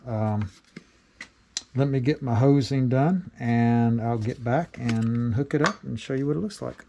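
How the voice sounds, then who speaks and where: A man's voice: medium pitch, unhurried, gravelly, mellow, a little hiss or hum. A middle-aged man explaining a homemade build in a casual workshop how-to, plainspoken with many fillers. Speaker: DIY maker showing a build. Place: cluttered home workshop.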